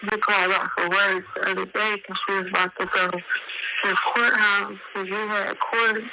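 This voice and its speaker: A woman talking haltingly, with many fillers, on a prison phone call. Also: mid-range voice, little pitch movement. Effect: prison phone line. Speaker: caller on a jail call. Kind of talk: casual phone talk. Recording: muffled, noisy jail phone line.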